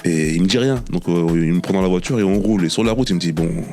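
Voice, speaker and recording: A former professional footballer chatting as a guest, telling animated anecdotes and repeating himself often. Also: male voice, deep voice, fast talker. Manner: animated anecdotes with many repetitions and "tu vois". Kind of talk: casual storytelling interview.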